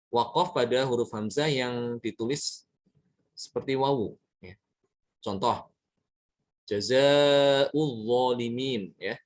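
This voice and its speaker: A man teaching Quran recitation rules in a lesson. He talks patiently, repeating words and examples and checking in with his listeners often. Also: mid-range voice. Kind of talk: tajwid lesson explaining examples.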